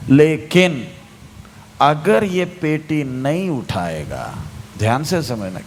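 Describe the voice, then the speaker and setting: A man's voice: fairly high pitch, a little hiss or hum. A male preacher delivering a sermon, firing questions at the congregation and repeating key phrases for emphasis. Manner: asks the congregation questions and waits for answers.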